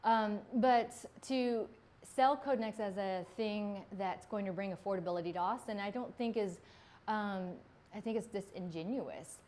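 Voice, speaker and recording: Woman in her forties, born in Vietnam, earnest conversational candidate, mid-pitched voice. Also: unhurried, darkish tone, slight background noise. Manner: earnest, conversational, with frequent ums. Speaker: city council candidate. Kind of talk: candidate interview.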